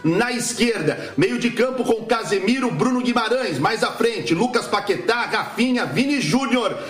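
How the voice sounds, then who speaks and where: High-voiced sports reporter in an echoey room. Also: male voice, normal speed. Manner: reads the lineup in even report cadence. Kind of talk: scripted report.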